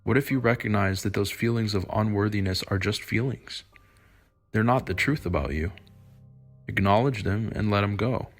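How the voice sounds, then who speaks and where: A man narrating scripted dating advice in a slick, confident, measured manner, as the host. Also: fairly low pitch, soft background music.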